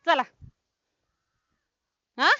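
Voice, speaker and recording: An actress playing a loud, bossy village woman who talks in a rustic, scolding way. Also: extremely slow, no echo. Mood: bossy, puzzled. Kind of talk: comic web film acting. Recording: dull, dry film sound.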